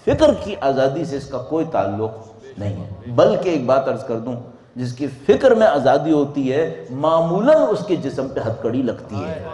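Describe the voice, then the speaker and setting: A man giving a religious sermon to a congregation, swinging between loud rising questions and quiet drops. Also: very animated. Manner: dramatic rises and drops in pitch and volume, rhetorical questions. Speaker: preacher. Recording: echoey hall.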